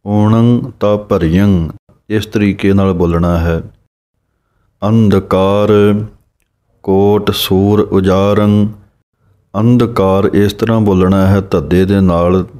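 A man teaching correct recitation of scripture, explaining pauses and pronunciation, then reciting lines slowly. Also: deep voice, mellow.

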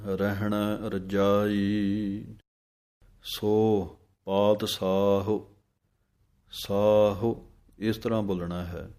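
A man teaching correct scripture recitation, speaking slowly and deliberately, correcting pronunciation and pauses. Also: lowish voice, warm tone. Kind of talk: recitation lesson.

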